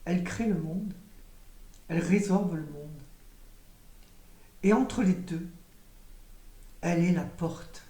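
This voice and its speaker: A woman giving a spiritual teaching in a calm, measured, meditative way, with occasional hesitations. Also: on the low side. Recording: roomy echo, voice from a distance.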